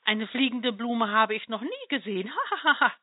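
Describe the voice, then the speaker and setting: A woman's voice: on the high side, moderate pace, no room sound, lightly acted. A woman voicing a small male blue butterfly who laughs and mocks a flower in a storybook tale. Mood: mocking. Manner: teasing, laughing. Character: giggly mocking little male blue butterfly. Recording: dry, tinny phone-like sound.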